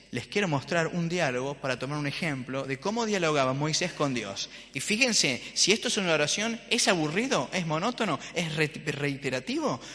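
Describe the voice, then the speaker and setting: A man with a Rioplatense accent preaching a sermon as pastor, asking the congregation questions and joking with them. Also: a little high. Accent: Rioplatense Spanish. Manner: lively preacher, rhetorical questions to the congregation, playful humor. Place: church hall. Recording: church hall with long reverb.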